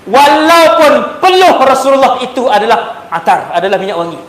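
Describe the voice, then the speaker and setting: A man with a Malaysian Malay accent preaching a sermon, telling stories animatedly and swinging between loud emphasis and hushed tones. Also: extremely high pitch, sing-song, moderate pace. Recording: echoey hall with faint noise.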